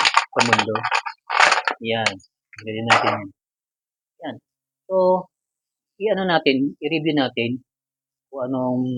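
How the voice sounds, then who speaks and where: A man with a mid-range, slightly rough voice casually unboxes and reviews an action figure, chatting and joking as he goes and mixing English words into his speech. The audio is dull, with no echo.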